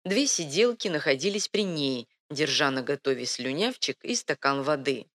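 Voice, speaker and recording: A woman narrating a fantasy story in a calm, even audiobook reading. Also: low voice, normal speed.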